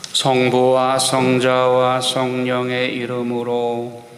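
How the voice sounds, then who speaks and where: Slow, even-toned priest in an echoey church. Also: male voice, medium pitch. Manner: measured, solemn recitation. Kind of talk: liturgical prayer, recited. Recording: echoey church hall, faint noise.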